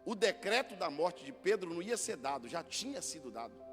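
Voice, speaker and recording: A Brazilian pastor preaching an impassioned sermon that swings from hushed storytelling to shouting. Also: male voice, a little high, sing-song, a little fast. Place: church. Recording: reverberant church hall with soft music.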